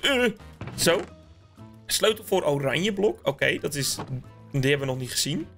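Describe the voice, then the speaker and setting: Excitable gaming host, bright high voice, chatty with his viewers, faint music underneath. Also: moderate pace. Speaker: gaming YouTuber. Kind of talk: Minecraft let's-play commentary.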